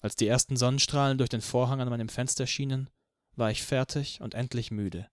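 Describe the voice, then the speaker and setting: A man narrating an audiobook in the first person, calm and steady in the narration. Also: medium pitch, a little fast, dry recording, clean studio sound.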